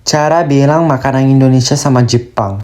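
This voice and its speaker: A voice announcing each topic with short, flat prompt-style lines. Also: medium pitch, moderate pace.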